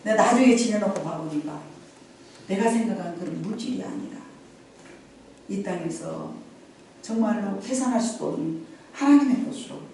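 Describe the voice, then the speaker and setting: A woman's voice: medium pitch, lively intonation, normal speed, pauses often, mellow, distant mic, slight background noise. A middle-aged woman pastor preaching a sermon, rising in emphatic swells and dropping to confiding storytelling. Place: church sanctuary. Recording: very echoey church hall, from afar.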